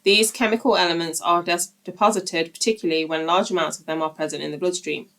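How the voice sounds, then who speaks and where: Woman, lowish voice, reading a book aloud, steady reading, casual asides to viewers. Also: fast. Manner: reads steadily, breaking off for informal asides to viewers.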